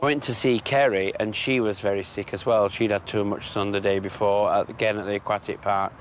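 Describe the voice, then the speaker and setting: A man's voice: fairly low pitch, fairly even intonation, fairly quick, slight background noise. A man with a Yorkshire accent, a chatty and fussy tour guide talking to the camera. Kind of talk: casual chat to camera.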